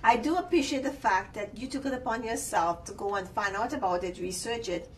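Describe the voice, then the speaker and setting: A woman's voice: a little high, brisk, slight background noise. A woman from Trinidad hosting a talk show, polite and reassuring as she moderates the discussion. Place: TV studio. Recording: distant mic with faint ambience.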